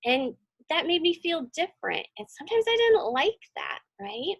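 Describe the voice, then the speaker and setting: Speaking in an extremely high, very animated voice at a moderate pace, this woman is a teacher leading a children's read-along. She reads a storybook aloud, chats casually with the children, encourages them and asks them frequent questions, though the audio is dull.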